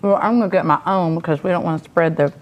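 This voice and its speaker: A woman hosting a local talk show, bubbly and quick to laugh. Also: lowish voice, lo-fi sound, slight background noise. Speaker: host. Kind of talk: casual studio talk.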